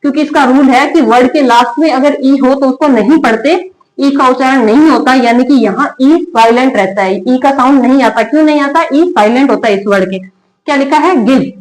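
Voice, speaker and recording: A woman teaching English spelling rules in Hindi, asking questions and answering them herself, drawing out example words slowly. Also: sits high, a little mellow. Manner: repeats questions and answers them herself, slow drilled word readings. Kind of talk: Hindi-medium spelling lesson at a board. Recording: echoey room.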